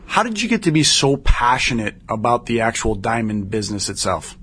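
Male talk-show host, mid-pitched, conversational and measured. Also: big pitch swings, fairly bright tone, husky. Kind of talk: introducing a guest.

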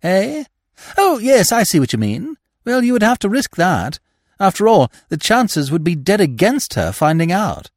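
A man's voice: big pitch swings, moderate pace, no room sound, clean studio sound, exaggerated voice. Man doing a chirpy young toff. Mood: pleading. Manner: eager, chattering, high-spirited. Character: excitable, breezy young upper-class Englishman.

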